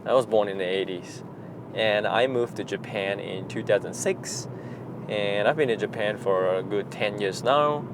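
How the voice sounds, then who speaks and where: Filmed on a car-mounted action camera, a man in his 30s from Singapore vlogs off the cuff while driving, wandering through his thoughts with many fillers and false starts. He speaks at a normal speed with a fairly low pitch over a noisy background.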